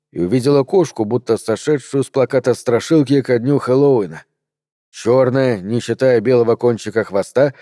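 Dark-voiced man narrating an audiobook. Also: mid-range voice, no room sound, studio quality.

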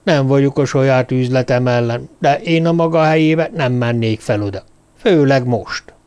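A man's voice: mid-range voice, darkish tone, clean tone, close to an everyday voice. Grumbly wary old innkeeper guy in an audiobook, a narrator putting him on. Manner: grumbling, warning. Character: gruff middle-aged male village innkeeper, wary.

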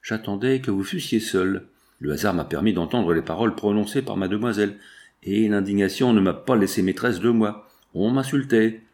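Defiant young working woman, impassioned and indignant, read by a man with a lowish voice in a novel reading. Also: brisk, a little mellow, close to an everyday voice.

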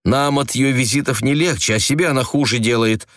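Man voicing a hysterical young woman, very high shrieking voice, frantic, dry close sound. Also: fairly quick, a bit bright, no echo, lightly acted. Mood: agitated.

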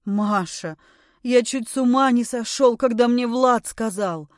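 A woman voicing a frantic, pushy middle-aged husband who talks loudly and pleads and orders in turn. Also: a little high, unhurried, dry recording, studio quality, lightly acted. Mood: agitated. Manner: loud, agitated, pleading and bossy.

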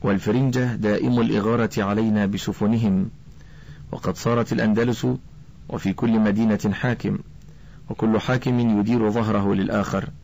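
A man voicing a devout blacksmith father in a storybook, speaking firmly and gravely. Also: lowish voice, steady tone, fairly quick, darkish tone, poor audio. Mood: bitter. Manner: firm and grave.

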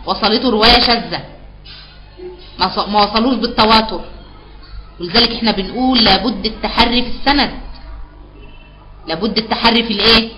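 A woman's voice: on the high side, brisk, long pauses, bright, forceful tone, poor audio. A woman with an Egyptian accent teaching a live online Quran recitation class, patiently explaining and repeating key terms back as questions. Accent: Egyptian Arabic.

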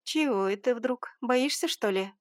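A woman's voice: on the high side, lively intonation, measured pace, no room sound, clean studio sound, voice pushed up. A woman voicing a spiteful, scolding middle-aged mother in an audiobook, talking sharply and with scorn. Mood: mocking.

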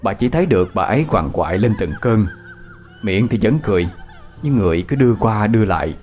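Man narrating a ghost story, low and lively. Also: brisk, faint music behind.

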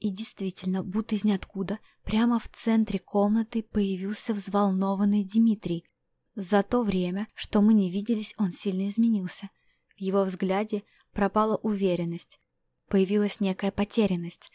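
A woman narrating a first-person fantasy audiobook in an even, measured way. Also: medium pitch, no room sound.

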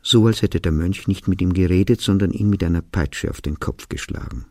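A man narrating a literary audiobook in a studio, reading in a calm, even, reflective way. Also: low-pitched, fairly quick, no room sound. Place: recording studio.

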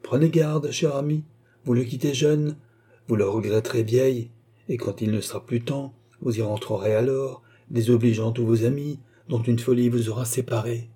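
A man's voice: medium pitch, steady tone, normal speed, mellow, breathy edge, lightly acted. A man reading aloud voices an earnest young officer pleading with his sister.

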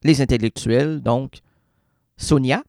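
A man's voice: mid-range voice, slow pace, vocal fry, a little mellow, no room sound. A man with a Québécois accent, a radio columnist delivering a rambling, theatrical, absurdist comedic monologue in a studio. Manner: theatrical, rambling, playful wordplay.

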